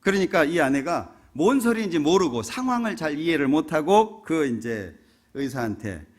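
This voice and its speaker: Male pastor preaching in church, pitch goes all over the place, kinda high, tells jokes and keeps asking the crowd stuff. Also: big pitch swings, normal speed. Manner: storytelling with humor, rhetorical questions to the congregation. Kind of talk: sermon. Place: church sanctuary.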